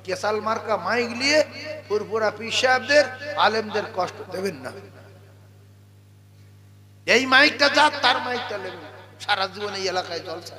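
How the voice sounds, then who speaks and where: A man giving a humorous sermon as a preacher, scolding the crowd in quick asides and breaking into chanted song. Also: high voice.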